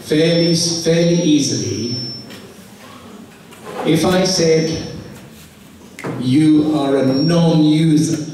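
A middle-aged man who is losing his voice gives a slow, encouraging talk on an exam to students at a school, taking questions afterwards. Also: on the high side, mellow, slight background noise. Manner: slow, encouraging, repeats himself. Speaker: IELTS teacher giving a talk to students. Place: large echoey school hall. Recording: echoey hall from far off.

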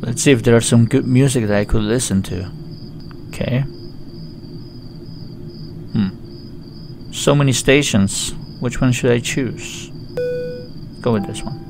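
Gravelly joking gamer guy. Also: mid-range voice, unhurried, pauses often, music in the background. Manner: joking, chatty. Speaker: gaming YouTuber. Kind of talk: let's play commentary.

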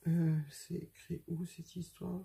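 A woman's voice: lowish voice, level tone, takes it slowly, creaky, warm tone. A woman hosting a casual craft tutorial from her home workspace, talking in a chatty way with many hesitations.

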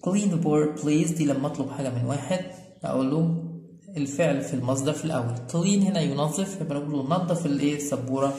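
An Egyptian man teaching an English lesson in a mellow, warm voice. He explains patiently, saying each word slowly and repeating it, then checks that everyone follows. The recording is roomy, with a long echo trailing his voice. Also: fairly high pitch. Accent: Egyptian Arabic. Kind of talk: classroom-style lesson explanation. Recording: echoey room with long reverb.

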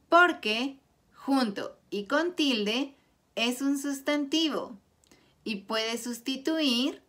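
A woman teaching a Spanish grammar lesson, explaining clearly and deliberately through example sentences. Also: on the high side, fairly bright tone. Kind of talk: slow scripted grammar lesson.

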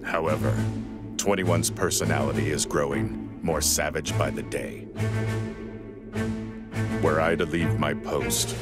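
A man playing a stoic, hulking android warrior in a video game, with a flat, formal delivery. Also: a bass voice, unhurried, pauses often, loud music behind the voice. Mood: stoic, grave.

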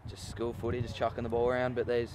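A man's voice: medium pitch, completely flat delivery, quick pace. A young man doing casual, matey rugby co-commentary on the players. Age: young adult. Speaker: sports co-commentator. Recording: outdoor commentary with background noise.

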